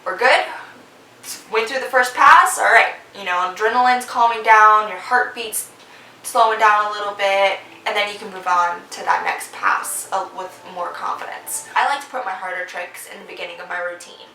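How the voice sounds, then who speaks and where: A woman's voice: mid-range voice, steady tone, moderate pace, sharp tone, distant mic, slight background noise. A young woman vlogger giving casual, encouraging competition advice, chatty with lots of fillers. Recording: echoey room, voice a bit off-mic.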